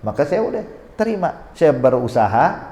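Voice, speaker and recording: A man's voice: on the high side, big pitch swings, moderate pace, dark tone. A man with an Indonesian accent giving an Islamic sermon. He tells a story and acts out its dialogue, and he quotes Arabic as he goes. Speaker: preacher. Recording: echoey hall.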